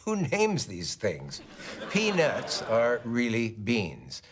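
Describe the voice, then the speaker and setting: An easygoing older man who has worked at a TV station forever. He talks slowly with a lively, rising and falling pitch. His manner is good-natured and chatty. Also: background noise. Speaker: longtime TV station employee. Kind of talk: sitcom acting.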